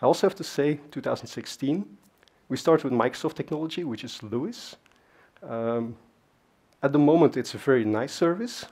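A Dutch-native man gives a casual technical talk on a large, dark conference stage, chatting along with lots of fillers and asides. His mid-range voice is animated and a little mellow with a breathy edge, moving at a moderate pace.

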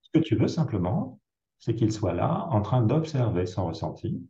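Man, psychiatrist guest, deep dark timbre, lively pitch swings, hesitant conversational explaining, roomy echo. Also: normal speed. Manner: explains with worked examples, frequent hesitations. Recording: roomy, dull lo-fi sound.

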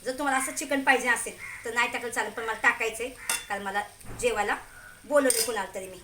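Home cook host, Marathi-accented woman, high voice, echoey kitchen, sizzling pan behind. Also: fast. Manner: chatty, keeps asking "okay?" and telling viewers to look. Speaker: home cooking channel host. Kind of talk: casual cooking demonstration. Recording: echoey kitchen with cooking noise. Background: sizzling pan and clattering pots.

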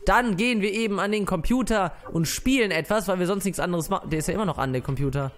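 A man's voice: high voice, fast. A man giving casual let's play commentary, brash and mocking, swearing at the game characters.

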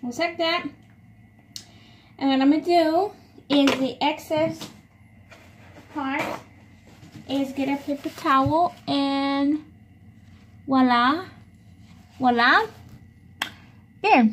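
Sitting high and steady in tone, this young woman takes it slowly with long pauses, chatting through a makeup tutorial as a beauty vlogger and hesitantly repeating her own narration. A phone propped at arm's length in a small home room picks her up, along with faint background noise.

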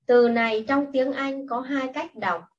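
A woman teacher speaks slowly and patiently, giving clear classroom instructions. Her voice sits a little high and comes from some distance off the mic. The sound is dull and muffled, with a faint hiss underneath. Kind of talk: slow, deliberate classroom instruction.

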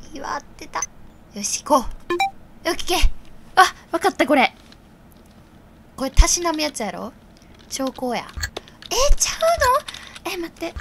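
A woman game streamer with a Kansai accent, thinking aloud through a quiz in casual commentary and bursting into loud reactions. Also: very high voice, slight background noise.

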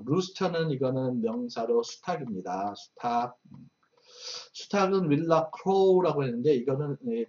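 A man's voice: mid-range voice, darkish tone. A man teaching an English Bible lesson, patiently explaining and translating phrase by phrase. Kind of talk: verse-by-verse language lesson. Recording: distant, dull lo-fi mic.

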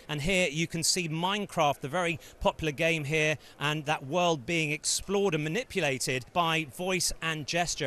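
A man delivering a news report voice-over in a measured broadcast manner. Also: a little high, sharp tone, a little hiss or hum.

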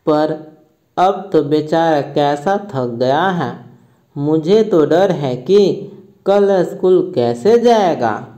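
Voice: medium pitch, animated, drawn-out words, dark tone, lo-fi sound. A reader doing a fretting, coaxing mother. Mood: worried. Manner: coaxing and anxious. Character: worried, fussing mother of a sick boy. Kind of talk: reading a school play aloud.

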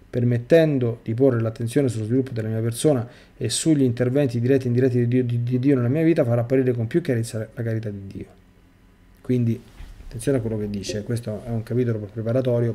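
A man's voice: medium pitch, warm tone. A middle-aged priest reading a testimony aloud in a sermon and breaking off to exhort his listeners.

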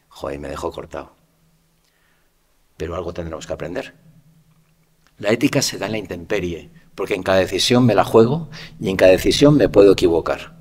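Hombre, acento español, conferenciante, tono reflexivo, coletilla interrogativa frecuente, sala con eco largo. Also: male voice, deep voice, darkish tone, slightly rough. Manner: reflective, many rhetorical "¿no?" tags. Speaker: lecturer. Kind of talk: conference talk. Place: conference hall. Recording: lecture hall with long reverb.

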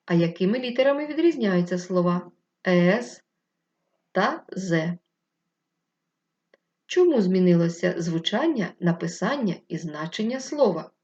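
Slow, patient woman teaching young children. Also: on the low side, animated, darkish tone, muffled recording. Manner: patient, drawn-out instructive speech with questions to pupils. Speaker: primary school teacher. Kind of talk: slow, clear remote literacy lesson for children.

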